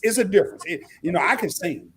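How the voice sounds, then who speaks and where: Man from arkansas, high animated voice, host, chatty storyteller, faint background noise. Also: quick pace. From Southeast Arkansas. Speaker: live stream host. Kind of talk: casual interview chat.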